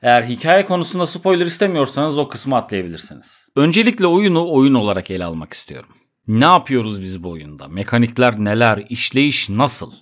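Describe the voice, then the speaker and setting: A man's voice: medium pitch, sing-song, brisk, fairly bright tone. Turkish man narrating a game review. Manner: casual, slangy asides in a scripted review. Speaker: gaming video host.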